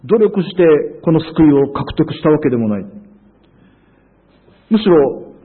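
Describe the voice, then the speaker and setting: A man's voice: fairly high pitch, animated, unhurried, slightly rough. A man preaching a sermon in an earnest, emphatic way, with frequent hesitations. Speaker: pastor. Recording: phone-like narrow sound.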